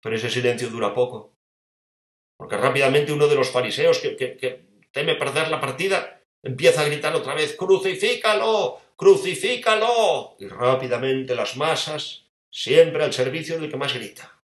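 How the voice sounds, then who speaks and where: A man from preaching a dramatic sermon, retelling a story vividly with rhetorical questions and sudden drops to a hush. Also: mid-range voice, normal speed. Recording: echoey room.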